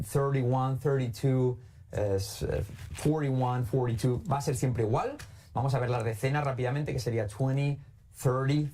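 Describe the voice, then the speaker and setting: Dark-voiced man teaching English numbers. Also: medium pitch. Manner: reads English numbers aloud and explains them in Spanish. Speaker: streamer learning English. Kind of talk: live-streamed study session.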